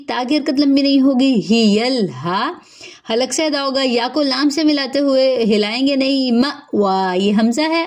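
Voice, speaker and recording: A woman's voice: sits high, a little mellow. A woman teaching Quran recitation rules, explaining patiently step by step. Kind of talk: tajweed lesson, slow recited verses then spoken rules.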